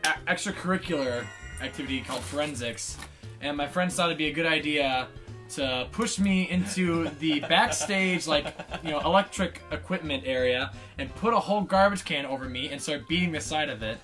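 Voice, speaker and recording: A man playing a party video game with friends, excitable and yelping, telling a rambling anecdote. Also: a little high, brisk, soft background music. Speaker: guest player. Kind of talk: casual gaming chat and storytelling.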